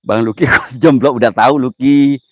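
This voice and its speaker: A man's voice: mid-range voice, fairly even intonation, moderate pace, no room sound. A man, hosting a ghost-hunting livestream outdoors at night, joking nervously and calling out viewers by name. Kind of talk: casual live commentary.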